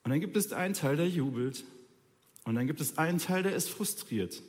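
A man with a high voice gives a relaxed, chatty sermon, talking straight to the listeners. He keeps it colloquial and teases with dry irony. The sound rings out with a long, reverberant tail. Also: moderate pace. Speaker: preacher. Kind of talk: informal sermon.

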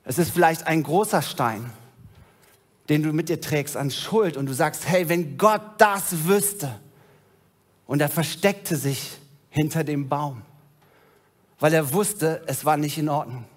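A male pastor preaches a sermon at an unhurried pace, retelling scripture like a story. At solemn moments his voice drops low and soft.

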